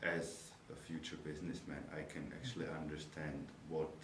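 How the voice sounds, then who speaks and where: Here a young Czech university student speaks in a bass voice with little pitch movement, at a moderate pace. A native Czech speaker, he answers interview questions about his studies thoughtfully, hunting for words in nonnative English. The recording has echo, background noise and a distant mic.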